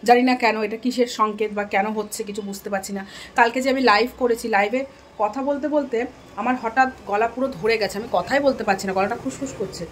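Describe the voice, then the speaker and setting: Woman home vlogger, brisk and talkative, slightly high voice, a touch hoarse, light room noise. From Bengal. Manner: chatty, addresses viewers directly, scolds her daughter. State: throat slightly hoarse lately. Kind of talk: casual home vlog chat. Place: home kitchen and bedroom.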